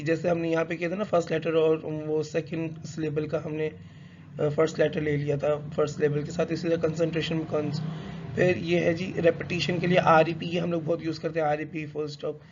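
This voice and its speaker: Reading English slowly before switching to casual Hindi blended with English, a male teacher explains a lesson hesitantly, full of fillers and self-corrections. His voice sits on the high side and is a little mellow. There is slight background noise in the dull lo-fi recording.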